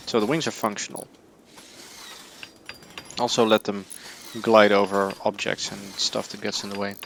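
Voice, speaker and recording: This live streamer has a lowish, level voice, gravelly and fairly bright, at a normal speed with slight background noise. He gives casual let's-play commentary, thinking aloud in a rambling, sometimes fumbling way while sleepy and yawning.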